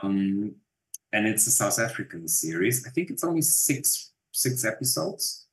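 In a relaxed interview, a fifty-something actor with a German accent chats on, rambling with fillers and restarting himself. His lowish voice is very animated and unhurried, and the room echoes noticeably.

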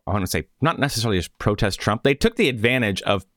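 A man's voice: fairly low pitch, animated, quick pace, a bit bright, no room sound, clean studio sound. A man hosting a podcast in casual chat, rambling and correcting himself as he goes. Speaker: podcast host.

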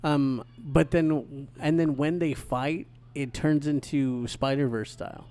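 A man's voice: on the high side, fairly even intonation, slow, warm tone. A man who is a guest on a podcast, chatting casually and laughing easily. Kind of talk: casual chat.

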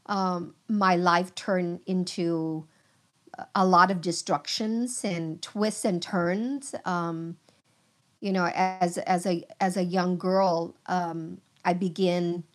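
On a podcast, a middle-aged Vietnamese woman shares her testimony earnestly, speaking slowly and haltingly with many pauses. Her voice is lowish and her intonation fairly even.

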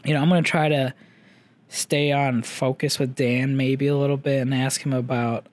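A man's voice: mid-range voice, level tone, normal speed. A young man with a slight Chinese-English accent giving a casual, rambling audio update, full of fillers and casual swearing. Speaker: vlogger.

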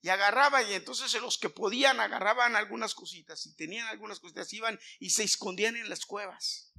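A pastor preaching with a high, ringing voice. He is a man who climbs to emphatic peaks, then drops into hushed asides. He asks the congregation questions as he goes. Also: brisk, creaky. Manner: asks the congregation questions, sings snatches of a hymn. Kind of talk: sermon.

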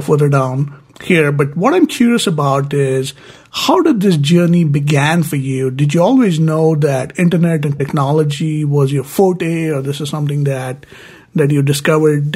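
Upbeat podcast host man, slightly high. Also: a little mellow, breathy edge. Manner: enthusiastic, many fillers, summarizes guest's answers. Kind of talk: interview hosting.

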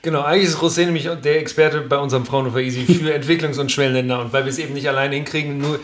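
A man co-hosting a podcast interview, talking in a quick, upbeat, casual way. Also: fairly high pitch, steady tone. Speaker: podcast co-host. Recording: echoey room.

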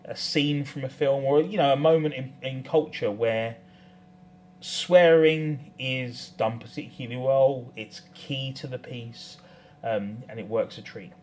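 A man's voice: mid-range voice, fairly even intonation, measured pace, a little mellow. A British man co-hosting a podcast, chatting casually and explaining things with discursive enthusiasm. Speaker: podcast co-host. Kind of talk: casual chat.

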